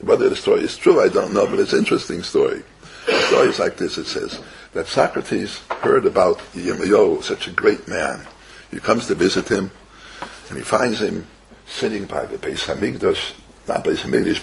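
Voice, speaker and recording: A man's voice: sits low, gravelly, a little hiss or hum. An older man giving an informal religious lecture as a rabbi, repeating phrases and answering his own questions. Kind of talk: informal religious lecture with stories and Hebrew quotes.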